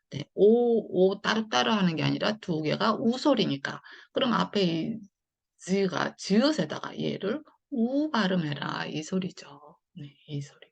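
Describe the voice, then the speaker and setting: A woman with a low, gravelly voice teaches English phonics in an online lesson. She explains slowly and patiently, with lots of fillers. The recording sounds a bit dull and lo-fi. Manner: slow and patient, with many fillers.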